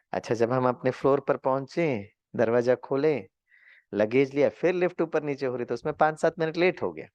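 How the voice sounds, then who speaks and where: A man teaching a spiritual class, telling a story in a lively way, acting out what people said and mixing in English words. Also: a little high, no room sound, dull audio. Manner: animated, acts out quotes, mixes in English words.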